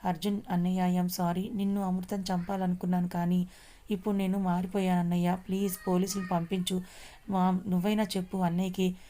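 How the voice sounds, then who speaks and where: A woman's voice: on the low side, level tone, brisk, warm tone, slight background noise, lightly acted. A woman reading a defiant scheming young man. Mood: pleading. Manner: defiant, then pleading.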